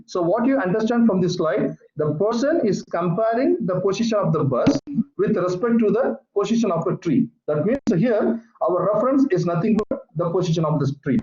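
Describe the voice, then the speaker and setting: High-pitched guy lecturing physics online, slow and repetitive, roomy dull sound. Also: animated, a little mellow. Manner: repetitive, patient explaining. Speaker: teacher. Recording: echoey, muffled online call audio.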